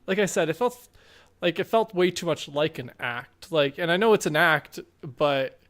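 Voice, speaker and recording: A young man co-hosting a casual podcast, his voice a little higher than most. He talks in an easygoing, rambling way, laughing often. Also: expressive, normal speed, a bit bright. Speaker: podcast co-host. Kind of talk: casual chat.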